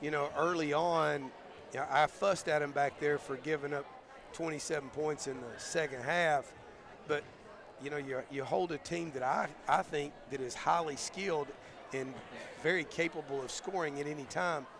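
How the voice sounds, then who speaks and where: Brief: hoarse, gravelly-voiced coach, mid-high pitch, halting postgame chat, crowd noise in the gym. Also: male voice, steady tone. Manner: thoughtful, halting, many fillers and restarts. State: losing his voice. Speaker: basketball coach. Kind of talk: postgame interview.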